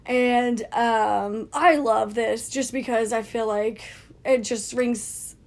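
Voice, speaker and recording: A young woman with a scratchy voice co-hosts a casual chat podcast, laughing often while leaning close to a phone. She speaks slowly in a fairly high but darkish voice with a steady tone.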